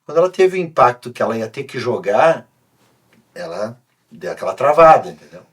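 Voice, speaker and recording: Husky-voiced coach telling a story. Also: male voice, medium pitch, a little fast. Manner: animated, anecdotal storytelling with many restarts. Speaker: sports coach, podcast guest. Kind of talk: casual podcast conversation.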